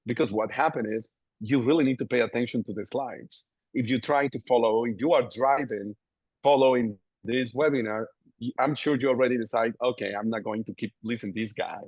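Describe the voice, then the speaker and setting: A man's voice: medium pitch, brisk, darkish tone, no echo. A man lectures over slides in a webinar, chatty and self-mocking. His voice sits mid-range. The audio is dry and a bit dull, like a video call. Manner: chatty, jokes about his accent. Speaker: pediatric dentist giving a webinar.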